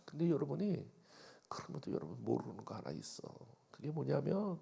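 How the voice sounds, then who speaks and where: Older male preacher, gravelly husky voice, lively pitch, storytelling sermon. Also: brisk. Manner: storytelling, acts out quoted voices, swings from loud to hushed. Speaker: pastor. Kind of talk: revival sermon.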